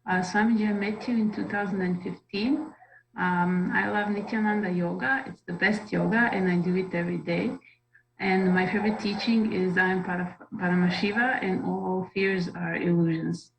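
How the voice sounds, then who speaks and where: A woman's voice: medium pitch, steady tone, normal speed, creaky, a little hiss or hum, rough recording. A woman from Croatia giving a personal testimonial in English in simple, earnest phrases, with small fillers.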